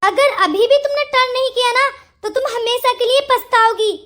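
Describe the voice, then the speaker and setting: A woman's voice: very high-pitched, moderate pace, a bit bright. A woman voicing an angry young ex-wife in a Hindi cartoon story, blunt and accusing. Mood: scolding. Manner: scolding, accusing.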